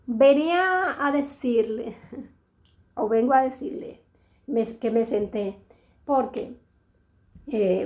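A woman's voice: fairly high pitch, mellow. A middle-aged woman with a Dominican accent, chatting casually to her vlog audience in a rambling way, often restarting her sentences. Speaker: vlogger. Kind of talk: casual chat to camera.

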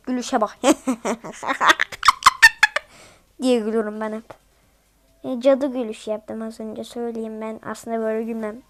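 A woman with a notably high voice calls out a mobile game as she plays it. Her commentary is excitable and jumpy. She yelps strings of repeated words at the screen, then drops into chatty asides to her viewers. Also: unhurried. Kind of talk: live gameplay commentary.

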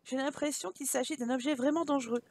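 A woman's voice: high-pitched, fairly even intonation, fast talker. A woman doing casual let's-play commentary, exasperated, swearing and laughing at the game. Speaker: gaming streamer.

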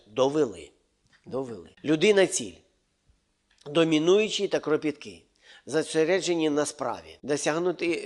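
A man teaching a church leadership course in an informal, conversational way. He uses many fillers and keeps checking with his listeners. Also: medium pitch. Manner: mixes in Russian words while speaking.

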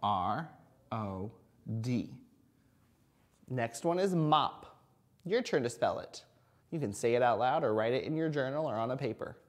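Guy teaching little kids to read, talks slow n simple like to a toddler, encouraging. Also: medium pitch, expressive. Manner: speaks simply and encouragingly, as if to a small child; sounds out and spells words letter by letter. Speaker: kindergarten reading teacher. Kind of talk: phonics lesson addressed to young children. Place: indoors at an interactive whiteboard.

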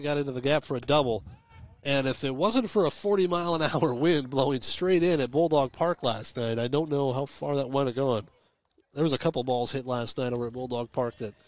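A man calling live high school baseball on the radio from a ballpark press box, giving steady pitch-by-pitch calls with chatty, folksy asides. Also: no echo. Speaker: play-by-play radio announcer. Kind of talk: live radio sports commentary.

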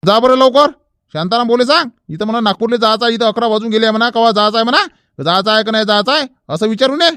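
Man as an impatient village headman, scolding, fast, high voice. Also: pushed and bright, clear, resonant tone, no room sound, studio quality. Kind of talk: village comedy skit.

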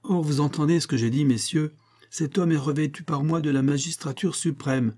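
A man's voice: a little high, normal speed, darkish tone, pitched above the performer's own voice, lightly acted. A man reading an audiobook, voicing a proud medieval king who speaks in imperious, stern pronouncements. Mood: commanding.

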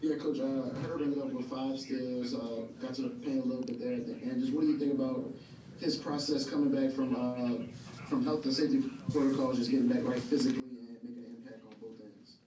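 A man, a sports reporter, politely asking a coach deliberate questions at a press conference. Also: medium pitch, level tone, warm tone, echoey room, far from the mic, low-quality recording.

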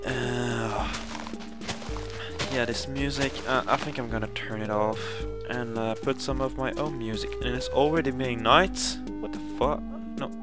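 A man's voice: mid-range voice, steady tone, unhurried. A young man from Sweden with a Swedish accent, narrating a casual game playthrough with many fillers and self-corrections. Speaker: gaming channel host. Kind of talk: casual Let's Play commentary. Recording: game music playing behind.

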